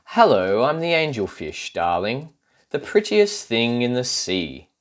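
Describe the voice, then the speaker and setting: Male reader as storybook angelfish, female, vain, affected, gushing, unhurried, very lively intonation. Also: mid-range voice, pitched above the performer's own voice.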